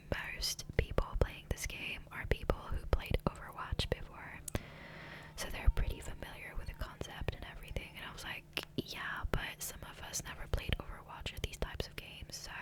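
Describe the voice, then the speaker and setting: An ASMR gaming creator whispers gently into a close USB condenser microphone. Her soft, unvoiced whisper drifts through a casual, unhurried ramble.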